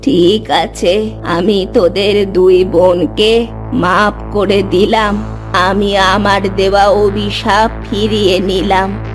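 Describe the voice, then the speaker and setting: A woman voicing a slow, wise old woman of the forest. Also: medium pitch, flat delivery, soft background music, pitched below the performer's own voice, close to an everyday voice. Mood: calm. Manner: slow, measured.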